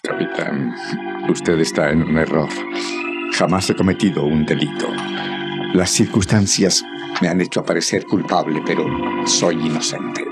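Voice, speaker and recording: Wounded, defiant male fugitive hero, very low solemn strained voice, radio melodrama over prominent music. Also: steady tone, normal speed, pauses often. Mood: strained, pleading. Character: wounded heroic male fugitive, proud, defiant, protesting innocence. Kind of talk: radio serial melodrama acting. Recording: dramatic music behind the voice.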